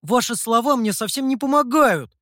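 A reader voicing a desperate, angry young man who shouts in defiance in an audiobook. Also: mid-range voice, unhurried, no echo, studio quality, voice pushed up, lightly acted. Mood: sullen.

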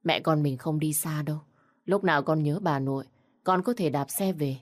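Weary young widow in a storybook, restrained and low, voiced by the narrator. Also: female voice, moderate pace, natural voice. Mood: tender.

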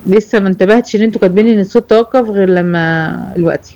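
A woman with an Egyptian accent teaching a Quran recitation lesson to girls. She explains the rules slowly, repeats examples and checks that her students follow. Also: mid-range voice, mellow, highs cut off. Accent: Egyptian Arabic. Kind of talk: online tajweed lesson.

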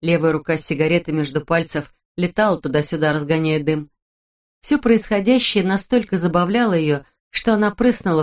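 A woman reading a first-person audiobook in a measured, reflective way. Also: low-pitched, a little mellow. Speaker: audiobook narrator.

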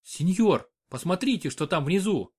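A man voicing an anxious, quick-tempered young noblewoman, speaking sharply and urgently. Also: high voice, animated, breathy edge, voice pushed up.

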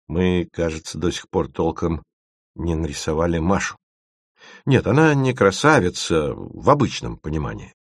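A man narrates an audiobook with a low voice and a very lively, expressive melody. The recording is dry and close with no room sound. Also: dry recording. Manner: expressive, playful reading.

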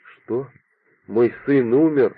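A man's voice: medium pitch, lively intonation, measured pace, no echo. A man reading an audiobook voices a middle-aged mother in frantic, pleading disbelief, on a dry, phone-like recording. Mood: frantic grief. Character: distraught grieving mother, middle-aged woman. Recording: dry, phone-like narrow sound.

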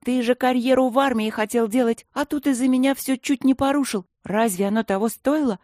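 A man's voice: fairly quick, darkish tone, no echo, studio quality. A man doing a small, earnest student girl. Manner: high, indignant, earnest.

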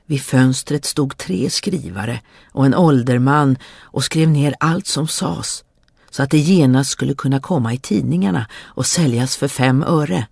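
A storyteller reading a fairy tale aloud in a lively, expressive way. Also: mid-range voice, vocal fry, slightly rough, no echo, clean studio sound.

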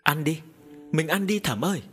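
A man's voice: fairly high pitch, lively intonation, moderate pace, fairly bright tone, slightly rough, faint music behind. A man voicing a clingy, simple-minded young woman's ghost who pleads in a whiny, childlike way. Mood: pleading.

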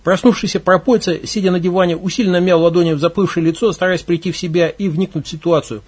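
A man narrating a story in a steady, plain reading voice. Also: high voice, fast talker, slightly rough. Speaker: audiobook reader.

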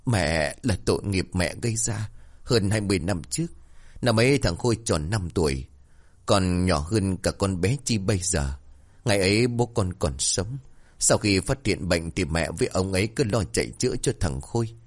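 A man's voice: deep voice, expressive, moderate pace. A man voicing a guilt-ridden older mother who speaks in a trembling, sorrowful way. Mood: grieving.

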